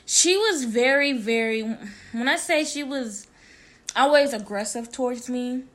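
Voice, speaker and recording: Bright-voiced young woman telling a story. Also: high-pitched. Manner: animated storytelling with slang and quoted dialogue. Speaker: vlogger. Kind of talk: casual storytime vlog.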